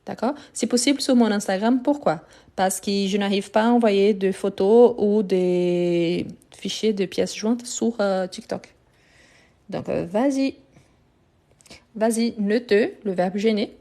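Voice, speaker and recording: A woman with a mellow, warm voice teaches grammar on a live stream. She explains patiently and repeats the key words. Her voice comes through a phone microphone. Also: mid-range voice, a little slow. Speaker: French teacher. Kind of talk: live online grammar lesson.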